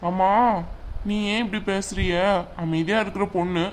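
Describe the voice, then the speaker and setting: A woman voicing a calm, reassuring young man in a cartoon. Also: medium pitch, normal speed, a little hiss or hum, lightly acted. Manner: reassuring, easygoing. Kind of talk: cartoon voice acting.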